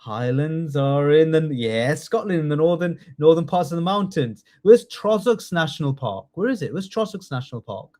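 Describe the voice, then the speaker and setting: A man teaching a live online class, lively and coaxing, repeating key words slowly for his students. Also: a little high. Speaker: test training tutor.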